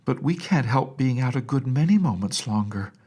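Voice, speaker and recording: A man voicing an excited, chattering little princess in a storybook, eager and full of exclamations and questions. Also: medium pitch, moderate pace, pitched above the performer's own voice, natural voice. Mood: puzzled, chattering. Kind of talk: storybook character voice.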